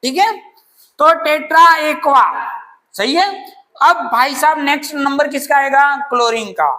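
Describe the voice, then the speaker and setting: A woman's voice: sits high, normal speed, a bit bright. A woman teaching a chemistry lecture, asking questions and answering them herself, with homely examples. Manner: homely examples, playful asides. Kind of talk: classroom lecture.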